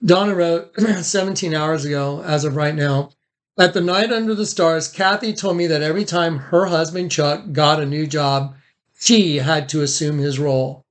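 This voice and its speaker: A man hosts a recorded phone statement, talking in a casual, informal and somewhat rambling way as he documents things conversationally. His voice is fairly high and steady at a normal speed.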